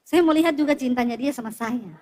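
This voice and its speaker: A woman's voice: high voice, fast talker. A woman pastor preaching a sermon, telling stories and drawing in the congregation with questions. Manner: lively storytelling with congregation prompts.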